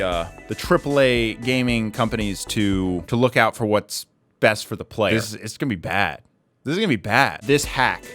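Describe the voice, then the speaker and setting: A man giving casual, animated commentary to camera as a gaming video creator, talking in slang and restarting his sentences. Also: medium pitch.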